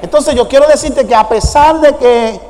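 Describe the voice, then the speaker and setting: Un pastor que predica con énfasis y hace preguntas a la congregación en una iglesia. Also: male voice, extremely high pitch, normal speed, a little mellow, slight background noise. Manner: emphatic preaching with questions to the congregation. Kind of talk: sermon. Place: church sanctuary. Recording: long church hall reverb.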